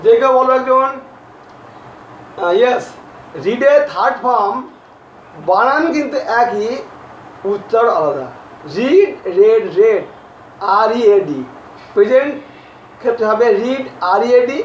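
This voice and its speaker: Slow, high-voiced teacher in an echoey room. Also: male voice, animated, slight background noise. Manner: slow, repeats and spells out words. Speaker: English teacher. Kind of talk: classroom grammar lesson. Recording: echoey, distant, dull lo-fi audio.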